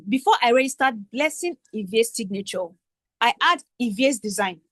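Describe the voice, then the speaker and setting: A woman's voice: a little high, dry recording. A young woman with a Nigerian accent leading an online business workshop, talking conversationally and often checking in with "right?". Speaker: workshop facilitator. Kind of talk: online teaching session.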